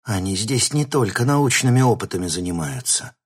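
A man's voice: lowish voice, animated, normal speed, slightly rough. A man voicing a startled young woman who exclaims in an audiobook.

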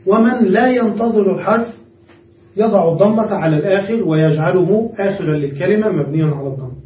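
High-voiced man teaching grammar class. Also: a little fast. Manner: explains patiently, checks understanding with repeated questions. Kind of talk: classroom lesson. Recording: far-off echoey muffled room recording.

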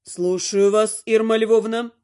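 A woman voicing a brash, scheming son-in-law in an audiobook, with forceful, loud delivery. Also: a little high, fairly even intonation, takes it slowly, voice pushed down. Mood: smooth. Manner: barking, forceful outbursts. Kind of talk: audiobook character voice.

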